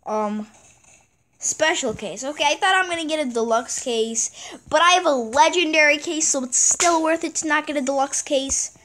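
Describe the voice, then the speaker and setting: A woman giving casual gameplay commentary, excitable and chatty, repeating exclamations and stumbling over words. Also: sits high, moderate pace. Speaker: gaming channel host.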